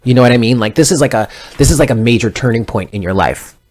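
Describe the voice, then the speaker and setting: A man in his thirties gives a casual tarot reading in a fast, medium-pitched voice with a darkish tone. He rambles conversationally and keeps correcting himself mid-sentence.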